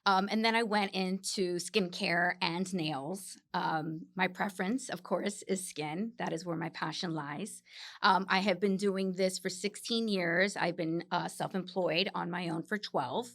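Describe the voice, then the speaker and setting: A woman's voice: lowish voice, fairly even intonation, a little slow, a bit bright. A woman from Miami, a clinical esthetician, answering interview questions with enthusiasm and explaining her work with frequent fillers. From Miami, United States. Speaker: guest, facialist and clinical esthetician.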